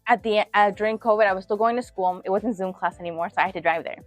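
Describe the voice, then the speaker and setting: A woman's voice: mid-range voice, racing, soft background music. A woman in her thirties, a guest in a casual interview, talking chattily and laughing often. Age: 30s. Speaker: guest, teeth-whitening entrepreneur.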